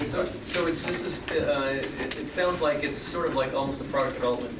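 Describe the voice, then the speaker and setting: A man's voice: on the high side, brisk. A man teaching a class, chatty and conversational with fillers. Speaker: professor. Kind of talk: classroom lecture. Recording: roomy classroom audio from far off, loud background noise.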